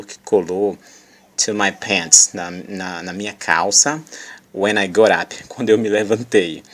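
A man with a voice on the low side hosts a podcast lesson as an English teacher. He patiently explains an English dialogue with many pauses and fillers, reading the English lines slowly and carefully.

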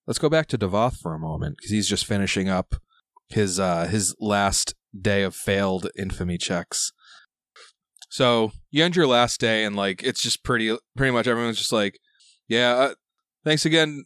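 A man working as game master, improvising narration in a halting, conversational way. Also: on the low side, a bit bright, dry recording, studio quality. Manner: halting, conversational phrasing with repeated "like".

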